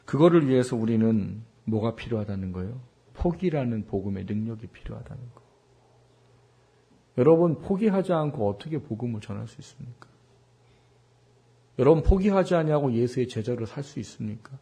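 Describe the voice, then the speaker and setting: Expressive and a little fast, this South Korean man in his forties gives a Sunday sermon as a pastor, weaving in personal anecdotes. His mid-range voice is warm yet husky and worn, and he asks the congregation rhetorical questions and repeats words emphatically.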